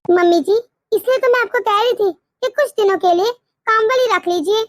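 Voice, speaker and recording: A gentle young daughter-in-law and new mother in a cartoon story, voiced by a woman. She speaks politely and softly in a very high voice. The sound is dry and close. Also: normal speed, dry recording. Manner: polite, soft-spoken. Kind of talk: cartoon voice acting.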